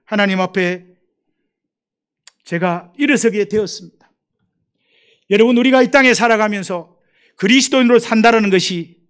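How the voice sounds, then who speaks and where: A middle-aged man with a high voice preaches a sermon as a missionary. He tells stories from his past and then presses his listeners with mounting emphasis. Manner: storytelling, rising to emphatic exhortation.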